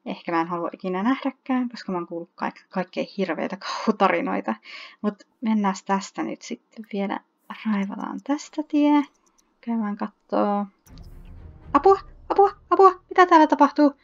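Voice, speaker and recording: A woman gives casual let's-play commentary in a chatty, mid-pitched voice. She reads game text aloud and breaks into excited shrieks. The recording is dull and lo-fi, like a basic home mic. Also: vocal fry. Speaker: gaming YouTuber.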